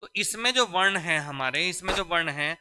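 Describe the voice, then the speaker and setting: A man's voice: high-pitched, lively intonation, normal speed, sharp tone, a little hiss or hum. A man teaching a Hindi grammar lesson for exam preparation, repeating key phrases and quizzing his students. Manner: addresses students as "beta". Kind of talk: exam-prep classroom lesson.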